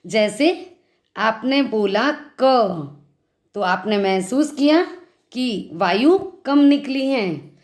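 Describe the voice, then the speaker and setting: A woman teaching grammar in a video lesson, speaking slowly and a touch high. She explains step by step and keeps asking rhetorical questions to make sure her students follow. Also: a little mellow. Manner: patient, checks understanding with rhetorical questions.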